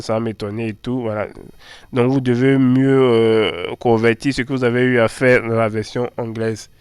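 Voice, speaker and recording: A man hosts a screen-recorded walkthrough of phone apps, talking in a loose, chatty way with plenty of fillers and repeated words. His voice is smooth and clean at a middle pitch. He sits close to a dry microphone with no room sound. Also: no room sound. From Ivory Coast. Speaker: tech channel host.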